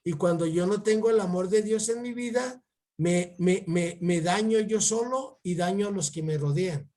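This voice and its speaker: A man with a Mexican accent giving a religion lesson to a child, halting and repeating his words as he keeps calling the pupil by name. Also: high-pitched, dark tone. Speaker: catechist teaching a child.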